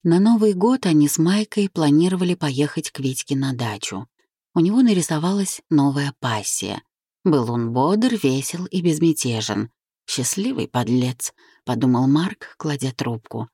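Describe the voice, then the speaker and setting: A woman narrating a literary audiobook in a calm, measured way. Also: low-pitched, husky, dry recording, clean studio sound. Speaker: audiobook reader.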